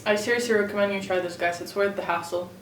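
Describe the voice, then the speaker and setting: A woman hosting a mukbang, chatting casually while eating crunchy fried chicken and pausing to chew. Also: mid-range voice, fairly even intonation. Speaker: mukbang host. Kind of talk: casual eating-show chat. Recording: roomy echo, distant mic, faint noise.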